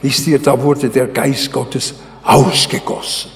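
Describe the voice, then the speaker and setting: A man preaching a sermon in a slow, emphatic way, pausing often and swinging his pitch widely between low and high. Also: flat delivery, creaky, long reverb tail, soft background music.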